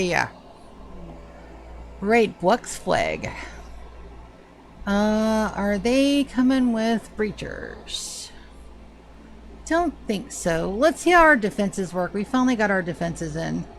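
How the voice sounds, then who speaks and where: Her mid-range voice swings widely in pitch, sounding slow, gravelly and a bit bright, with frequent pauses and a little hiss or hum in the audio. A Georgia-accented woman with a slight lisp, she chats casually during a live game stream and greets viewers by name.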